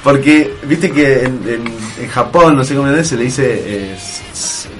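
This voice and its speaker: A man's voice: medium pitch, unhurried, over loud music. A young Argentine man hosting a radio talk show, bantering casually and putting on mock voices between stories. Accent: Argentine Spanish. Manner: jokey, puts on mock accents.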